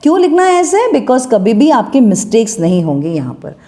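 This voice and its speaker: Here an Indian English-accented woman teaches maths, writing as she goes and explaining each step in turn. She sounds a little high and mellow, very animated and slightly quick, yet stays patient and keeps asking her students questions to check they follow.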